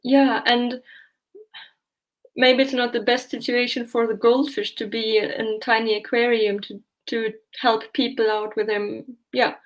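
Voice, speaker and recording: A woman hosting a tarot live stream, soft-spoken and casual, with a lot of hesitant fillers. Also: on the high side, flat delivery, unhurried, poor audio. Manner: soft-spoken, lots of fillers, reads aloud from search results. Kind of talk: casual chat.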